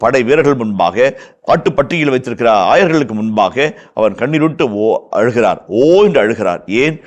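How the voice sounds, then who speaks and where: Impassioned Tamil-accented priest teaching scripture. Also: male voice, medium pitch, expressive, brisk. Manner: impassioned, repeats phrases for emphasis, acts out quoted lines. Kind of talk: verse-by-verse Bible teaching.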